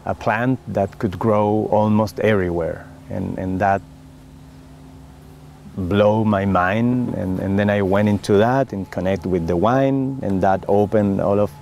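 In an oral history interview, a middle-aged Chilean winemaker speaks with a gravelly, fairly low, slightly mellow voice and a Chilean Spanish accent. He goes very slowly and earnestly, pausing often on fillers and restarting phrases. Faint background noise runs beneath the recording.

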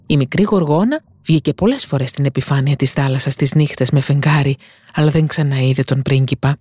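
A woman narrating a fairy tale with lively, expressive reading. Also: a bass voice, husky, dry recording. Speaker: storyteller. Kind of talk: scripted storybook narration.

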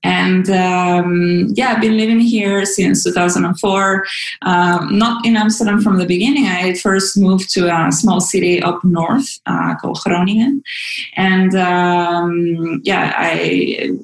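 A Venezuelan woman, a native Spanish speaker, is an interview guest on a video call in a casual remote interview. Her voice is on the low side with vocal fry and fairly even intonation, and she speaks slowly in an echoey room. She's hesitant, full of ums and restarts, and laughs often.

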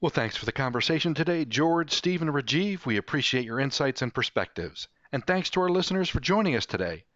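A man's voice: medium pitch, very animated, a little fast, hardly any pauses, a bit bright, no echo. A man with a mid-range voice hosts a podcast with prepared, orderly delivery. The sound is dry, with a slightly dull top end. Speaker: podcast host. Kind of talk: scripted podcast hosting.

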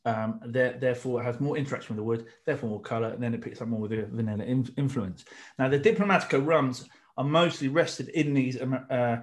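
A man's voice: medium pitch, quick pace. A middle-aged man co-hosting a casual drinks podcast, explaining at length with many restarts. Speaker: podcast co-host. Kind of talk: casual chat about drinks tasting.

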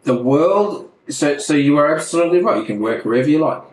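A man's voice: on the high side, expressive, fairly quick, roomy sound, slight background noise, rough recording. A man co-hosting a casual podcast, chatty and rambling, laughing often over a video call. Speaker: podcast co-host. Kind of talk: casual chat.

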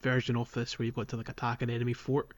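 Speaking rapid-fire and in a monotone, this medium-pitched man co-hosts a podcast and talks informally through a video game. He hedges as he explains, peppering his speech with "kind of" and "like."

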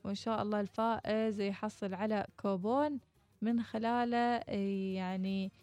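A woman radio presenter reading a sponsored competition announcement in a halting, slightly informal way. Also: medium pitch, level tone, a little mellow, no room sound, faint music behind.

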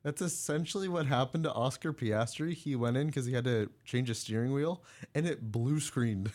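A man's voice: mid-range voice, moderate pace, darkish tone. A man co-hosting a casual sports podcast, joking and laughing as he rambles. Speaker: podcast co-host. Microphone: studio mic.

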